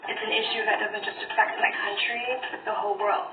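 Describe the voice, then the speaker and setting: A woman's voice: mid-range voice, flat delivery, fairly quick, echoey room. A woman, speaking confidently as a pageant contestant. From Indonesia. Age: 20s. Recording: tinny distant TV broadcast with music.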